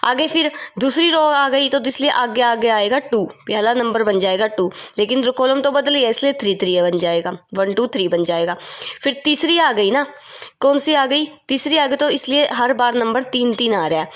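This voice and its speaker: A woman teaching a maths lesson step by step, often repeating points and asking the class questions. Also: a little high.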